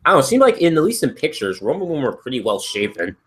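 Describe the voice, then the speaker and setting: Co-hosting a casual stream, a man rambles wordily, repeating himself as he circles his point. His medium-pitched, slightly rough voice swings widely in pitch and comes out rapid-fire.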